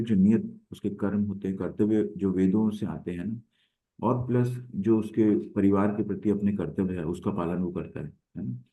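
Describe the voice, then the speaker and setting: A man's voice: fairly low pitch, warm tone. A man teaching an online scripture lesson, explaining patiently and often checking in with his listeners. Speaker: Bhagavad Gita course teacher. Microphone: online class audio. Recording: phone-like narrow sound.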